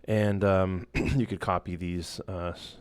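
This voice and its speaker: Man, very low voice, casual screen-share tutorial, loose with lots of fillers, dry close sound. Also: slow, clean tone, no room sound. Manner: relaxed, loose, many fillers and restarts. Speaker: instructor.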